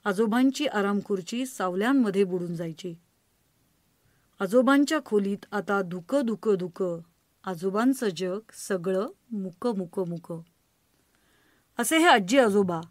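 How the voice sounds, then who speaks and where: A woman presenting and reciting poems in a measured way, repeating lines for effect. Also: mid-range voice, expressive, dry recording. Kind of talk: poetry recitation.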